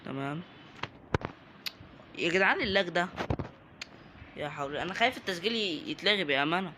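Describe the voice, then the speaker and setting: A young man with an Egyptian Arabic accent gives casual, joking commentary while he plays, chatting to the characters on screen. His voice sits a little high. Noise is clearly heard behind him. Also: expressive, brisk. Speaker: gaming YouTuber. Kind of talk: casual let's-play commentary.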